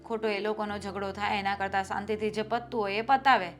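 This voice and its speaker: An actress playing a patient, worried wife and elder sister-in-law who reasons calmly about family troubles. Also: female voice, medium pitch, a little fast, faint music behind, lightly acted. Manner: calm, reasoning, then pushing back. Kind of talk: family drama acting.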